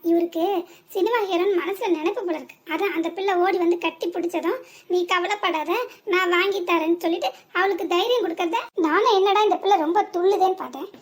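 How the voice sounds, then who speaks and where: A woman voicing a rough, mocking male thug in a cartoon. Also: very high voice, fast talker. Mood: taunting. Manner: taunting and rough.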